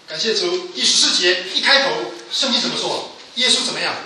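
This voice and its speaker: A man preaching a sermon with emphatic delivery, his voice rising to loud pleas and falling low again. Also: animated, brisk, slight background noise. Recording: echoey hall from a distance.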